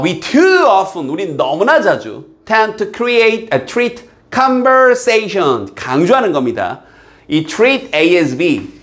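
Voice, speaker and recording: A man teaching an English exam passage, reading English lines slowly and explaining them in Korean, often checking that students follow. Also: high-pitched. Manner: lively, drills students with repeated checks.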